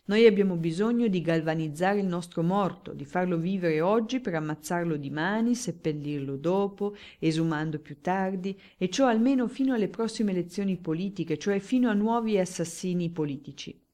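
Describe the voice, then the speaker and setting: A chatty, flattering journalist, glib and grandly declaiming as he angles for a story, as a woman reading the book puts him on. The voice sits low and rich for a woman, while his lines jump noticeably higher and louder than her narration. It plays out as an audiobook character. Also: normal speed, few pauses, close to an everyday voice. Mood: eager. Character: talkative, flattering male newspaper journalist.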